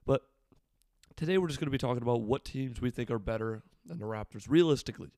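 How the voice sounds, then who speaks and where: Male sports fan commentator, casual and off-the-cuff, mid-pitched, slightly worn weathered voice, dry close sound. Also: fast, a little mellow, no room sound.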